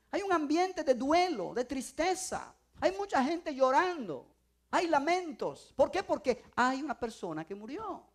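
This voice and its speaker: A high-voiced woman preaching in a church with a lively, swooping pitch. She is emphatic and hammers key phrases again and again. Her voice builds to loud declarations. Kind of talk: sermon.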